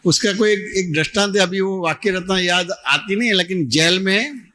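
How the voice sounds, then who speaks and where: Speaking at a moderate pace in a high, sharp-toned voice, a man guides a satsang Q&A as a spiritual teacher. He is patient and repeats himself, frequently making sure listeners follow, in a devotional hall in Ahmedabad.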